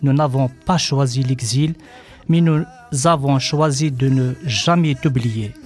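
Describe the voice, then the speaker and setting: A man reading a letter aloud in a solemn, measured way. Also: medium pitch, darkish tone, faint music behind. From Kabylie.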